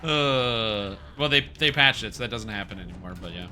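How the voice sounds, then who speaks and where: A man's voice: on the low side, animated, normal speed, pushed and bright, faint music behind. A man streaming a game over a headset mic, chatting casually with viewers and reading patch notes aloud. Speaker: livestreamer. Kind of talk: casual gameplay commentary.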